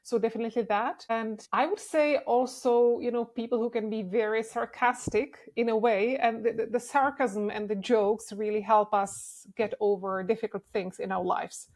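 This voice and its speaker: A young woman from the Czech Republic, talking as a guest in a casual interview, relaxed and candid. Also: fairly high pitch, normal speed, few pauses. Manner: relaxed and candid, with frequent restarts and laughs.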